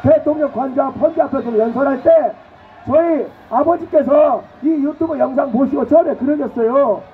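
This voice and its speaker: A young man from Jeolla with a Jeolla dialect gives an impassioned political rally speech, prodding the crowd with rhetorical questions and shouting at times. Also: extremely high pitch, moderate pace. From Jeolla, South Korea. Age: young adult. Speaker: rally speaker. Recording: tinny phone-like audio with faint noise.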